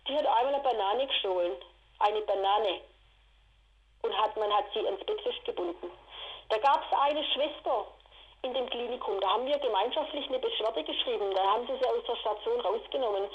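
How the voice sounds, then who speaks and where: Woman ranting about what happened to her, high-pitched, dull lo-fi sound. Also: animated. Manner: agitated, indignant, rushed retelling. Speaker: interviewee. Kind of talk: emotional personal account.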